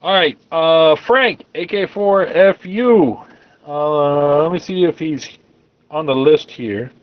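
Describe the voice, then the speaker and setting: A man acting as net control for an amateur radio club, heard over a radio link and calling stations in a relaxed, joking way. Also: on the high side, slow, no echo, dull audio. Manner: relaxed, joking, loose running commentary. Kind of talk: directed ham radio net, casual chat.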